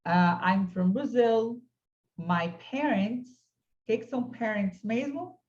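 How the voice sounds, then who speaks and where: Patient woman teacher on an online class, speaks slowly, muffled call sound. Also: fairly high pitch, darkish tone. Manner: patient, models English phrases slowly for students. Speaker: English teacher.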